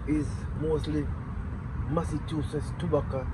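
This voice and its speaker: Older guy chatting outside in a yard, kinda high voice, rambly, noisy background. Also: level tone, measured pace. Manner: rambling, repeats words, emphatic bursts. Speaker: former farm worker. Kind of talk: casual interview chat. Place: outdoors in a garden yard. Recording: clear background noise outdoors.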